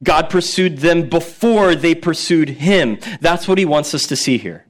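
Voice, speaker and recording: A man's voice: on the high side, lively intonation, unhurried. A man in his thirties preaching a sermon as a pastor, casual and conversational, often repeating words for emphasis and acting out quotes.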